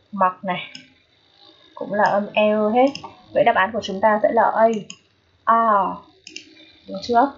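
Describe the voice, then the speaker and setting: A woman with a Vietnamese accent walks through English pronunciation, saying each word twice. Her voice is a little husky and sits mid-height, and the recording sounds dull and lo-fi. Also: mid-range voice. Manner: checks in with listeners often; repeats each word slowly. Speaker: English teacher. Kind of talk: phonetics lesson.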